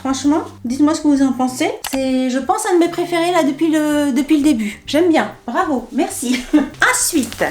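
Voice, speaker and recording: A little hiss or hum sits under the recording of a woman with a high voice, darkish tone, and moderate pace. As a fashion haul vlogger doing a try-on, she chats to herself, laughs often, and uses playful sound effects and fillers.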